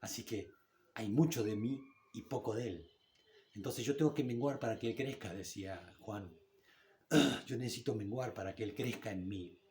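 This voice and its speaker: A man with an Argentine Spanish accent delivers a sermon from a church pulpit, talking to the congregation in a familiar, conversational tone. His voice sits on the low side, and he slows down deliberately whenever he reads scripture aloud. Faint hiss sits under the recording. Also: darkish tone. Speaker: pastor.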